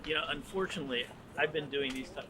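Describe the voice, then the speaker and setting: A man working as an attorney, answering questions at a press conference in a measured, deliberate way with frequent fillers. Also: a little high, a crowd in the background. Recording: noisy press conference recording.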